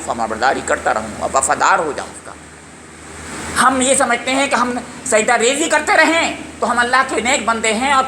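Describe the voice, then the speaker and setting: A man's voice: high voice, echoey room, background noise. A man giving a religious lecture on scripture, emphatic and often putting questions straight to his listeners. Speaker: Quran lecturer.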